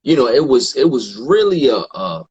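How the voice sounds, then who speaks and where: A man with a husky, slightly breathy voice tells a long story in easy conversation, acting out little exchanges with friends as he goes. The sound is dull and lo-fi, like a plain home podcast setup. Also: medium pitch, normal speed. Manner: relaxed, quotes others in animated asides, frequent fillers. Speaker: podcast guest.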